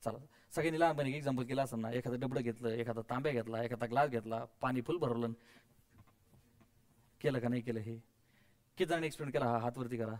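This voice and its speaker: A man's voice: medium pitch, fast talker, pauses often, darkish tone, clear, resonant tone. A man teaching physics to a classroom of students, coaxing and quizzing them, mixing English terms in and adding playful sound effects.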